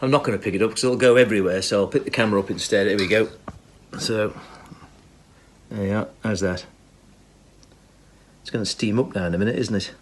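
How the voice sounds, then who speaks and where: A man's voice: lowish voice, brisk, pauses often. Chatty British man with kitchen noise behind him. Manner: chirpy, enthusiastic, full of tag questions and asides. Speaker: home cook presenting a recipe video. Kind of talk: casual chat while cooking. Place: home kitchen, filmed on a phone. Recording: clear background noise, kitchen clatter.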